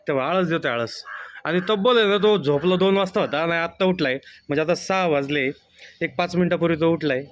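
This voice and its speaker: Playful man vlogging. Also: on the high side. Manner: playful, teasing, coaxing. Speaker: vlogger filming his small child. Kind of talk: casual family vlog, talking to camera and toddler. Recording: dull lo-fi phone audio.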